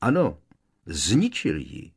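A man voicing a kindly old male wizard headmaster who speaks slowly and gently in an audiobook. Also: sits low, huge pitch swings, husky, full character voice. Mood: gently insistent. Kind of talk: audiobook character voice.

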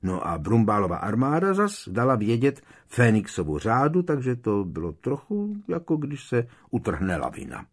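A man's voice: mid-range voice, wildly swooping pitch, few pauses, voice pushed up. A man reading aloud, voicing a cheeky teenage boy who teases and jokes. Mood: teasing.

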